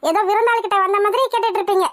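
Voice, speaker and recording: A caring young woman who turns stern and demanding with her cousin, as a woman voices her in a cartoon. The voice is very high and close-miked and dry. She presses hard for answers. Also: fairly even intonation, rapid-fire, dry recording. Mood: gentle. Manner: coaxing, then demanding and scolding. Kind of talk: cartoon voice acting.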